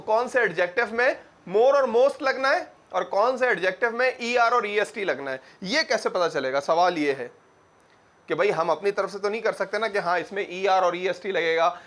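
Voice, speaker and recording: High-voiced male teacher in class. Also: a bit bright. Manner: asks the class questions and answers them himself, repeats words slowly. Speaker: English grammar teacher. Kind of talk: classroom lecture.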